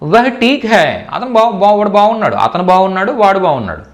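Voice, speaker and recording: A man giving a spoken language lesson in a fairly high, very lively voice that climbs and dips a lot. He explains patiently, says each word more than once and keeps checking that his listeners follow. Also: fairly quick. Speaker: Hindi teacher.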